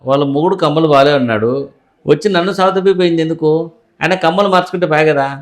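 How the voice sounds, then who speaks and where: A man's voice: fairly high pitch, fast talker. A man playing an exasperated doctor in a comic sketch. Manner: exasperated, pleading.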